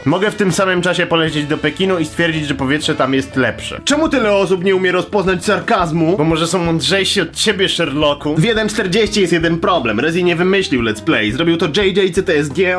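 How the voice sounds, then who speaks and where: High-voiced sarcastic young man. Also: a little fast, hardly any pauses. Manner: sarcastic, crude, deadpan. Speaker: YouTuber answering viewer questions. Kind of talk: comedic Q&A vlog. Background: music.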